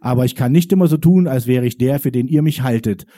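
A man's voice: medium pitch, quick pace, dark tone. A man in his forties performing spoken-word poetry with a rhythmic, wry, confessional delivery. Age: 40s.

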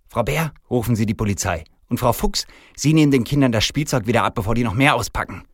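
A man's voice: mid-range voice, lively intonation, brisk, dry recording, clean studio sound, pitched above the performer's own voice, natural voice. A man voicing a spiteful, bossy middle-aged store manager in a read-aloud story, hissing his orders. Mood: snappish.

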